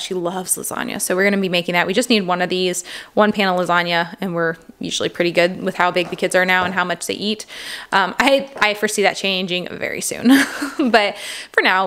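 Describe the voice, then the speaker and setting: A woman's voice: medium pitch, sharp tone. Casual female vlog host, 30s, friendly chatter full of "um"s and small laughs, talking over groceries at home. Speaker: vlog host, mother of a large family. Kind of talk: casual grocery haul chat. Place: indoors at a home table.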